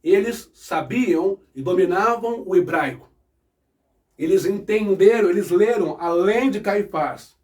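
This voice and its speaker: Man giving a sermon, fairly high voice, unhurried delivery, a little distant from the mic. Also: darkish tone. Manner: explanatory, asks the audience rhetorical questions. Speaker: preacher. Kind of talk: sermon-style Bible teaching.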